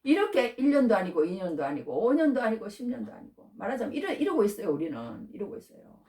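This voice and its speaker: A woman's voice: mid-range voice, very animated, fast, warm tone. Female preacher, emphatic and repetitive, talks straight to the congregation; roomy hall, mic set back. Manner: emphatic, repeats key phrases again and again; conversational, addresses listeners directly. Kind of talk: sermon. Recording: echoey hall, from far off the mic.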